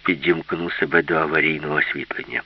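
Calm know-it-all ship robot, a guy doing him, deep husky voice, muffled old radio sound. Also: fast. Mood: matter-of-fact. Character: calm matter-of-fact male ship robot.

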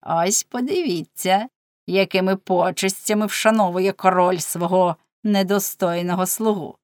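A woman's voice: fairly low pitch, steady tone, unhurried, no room sound, lightly acted. A haughty, scornful colonial governor speaks up with a raised, sneering voice, as a woman reading a novel puts him on. He taunts and preens in a pompous way, in a dry close recording. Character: arrogant mocking male colonial governor. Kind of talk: audiobook character voice.

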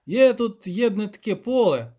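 A man voicing a gruff, hesitant peasant village elder who rambles in folksy country speech. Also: high voice, sing-song, normal speed, dark tone, voice pushed up. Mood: rambling.

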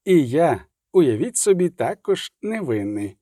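A man voicing a calm, ironic male barber who speaks in a cool, measured way, in an audiobook reading. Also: fairly high pitch, dry recording, clean studio sound. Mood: calmly ironic.

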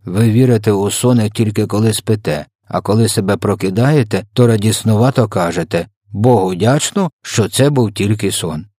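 A man voicing a big, kind old giant who talks slowly and mangles his words. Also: on the low side, warm tone, no room sound, studio quality, voice pushed up, lightly acted. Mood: gentle, stubborn.

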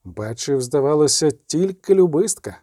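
A man narrating an audiobook with animated storytelling. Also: fairly high pitch, normal speed, no echo, clean studio sound.

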